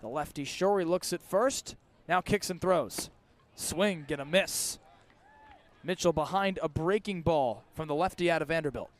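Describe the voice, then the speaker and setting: At an outdoor ballpark, a man does live radio baseball commentary in a voice on the high side at a moderate pace. His clipped, descriptive calls build as the action does.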